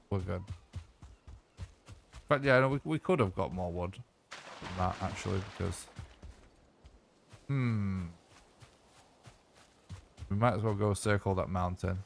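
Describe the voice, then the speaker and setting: Man, casual gameplay commentary, thinking aloud, low voice. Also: creaky, slight background noise. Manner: thinking aloud, relaxed, muttering. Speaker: streamer.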